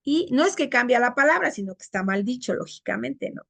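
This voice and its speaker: Gravelly-voiced woman teacher lecturing. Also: expressive, a little fast, fairly bright tone, no echo. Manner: explanatory, acts out examples in higher voices. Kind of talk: classroom lecture on diction.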